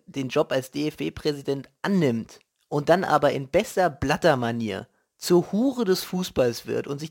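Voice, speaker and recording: A man's voice: a little high, darkish tone. A man delivering an opinionated, colloquial football rant, indignant and emphatic, often repeating phrases for punch. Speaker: host of a football commentary show.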